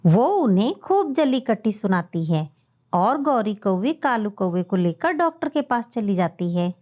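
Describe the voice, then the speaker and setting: A woman's voice: mid-range voice, big pitch swings, unhurried, a little mellow. A woman storyteller reading scripted narration for a children's tale. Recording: dull lo-fi audio.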